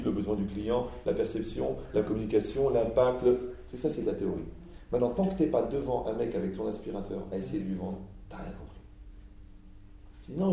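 A man teaching an audience in a lively way, full of rhetorical questions, playacted dialogues and jokes. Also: lowish voice, creaky, echoey room, distant mic, poor audio.

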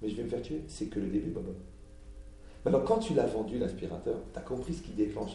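A man gives a lively talk to an audience, with plenty of rhetorical questions and acted-out exchanges. His voice is dark and gravelly. He sounds a little distant from the mic, in a strongly echoing hall. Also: lowish voice, fast talker, a little hiss or hum. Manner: animated, acts out dialogues, rhetorical questions, jokes.

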